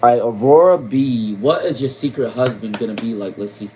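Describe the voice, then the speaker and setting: A man's voice: mid-range voice, a little fast, warm tone, slight background noise, rough recording. A man from Rhode Island giving casual tarot readings on a live stream, repeating names and questions with many fillers. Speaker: tarot reader.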